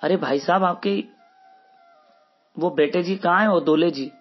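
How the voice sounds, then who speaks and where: A man's voice: sits high, normal speed, slightly rough. A man voicing an anxious male priest who urgently pleads to find the missing groom. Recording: muffled recording with faint music.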